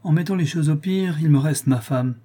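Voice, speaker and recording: A man's voice: mid-range voice, normal speed, warm tone, slightly rough, pitched above the performer's own voice, lightly acted. A man reading an audiobook voices a vain, cheerful nobleman in a gallant, self-satisfied manner. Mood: airy.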